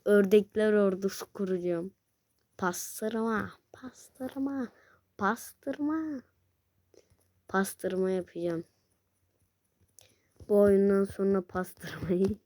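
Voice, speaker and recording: A woman commentating on her mobile game play, excitable and swearing, shouting at the screen, recorded on a phone. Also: mid-range voice, slow, long pauses, no echo. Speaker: gaming video creator.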